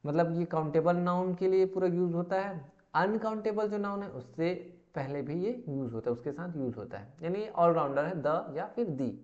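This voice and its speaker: A man teaching English grammar, explaining slowly and asking his own rhetorical questions. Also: on the high side, lively intonation, a little mellow, dull audio.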